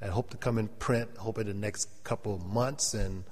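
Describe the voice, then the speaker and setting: A man's voice: fairly low pitch, fairly even intonation, moderate pace, a little mellow. A middle-aged man with a South Carolina Gullah Geechee accent preaches in an anecdotal, humorous way, repeating phrases and calling for amens. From South Carolina, United States. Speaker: preacher, church elder. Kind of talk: sermon to a congregation, humorous and anecdotal. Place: large indoor hall, speaking to an audience. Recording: echoey hall with long reverb.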